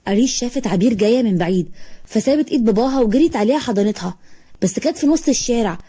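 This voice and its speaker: Egyptian woman storyteller, quick, warm, slightly high. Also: animated, slightly rough. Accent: Egyptian Arabic. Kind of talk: scripted story narration.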